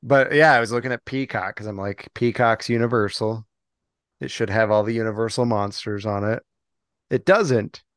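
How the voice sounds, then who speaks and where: A man's voice: on the low side, fairly even intonation, moderate pace, a bit bright, clean tone, no echo. A man co-hosting a podcast in casual chat, rambling from topic to topic and laughing often. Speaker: podcast co-host.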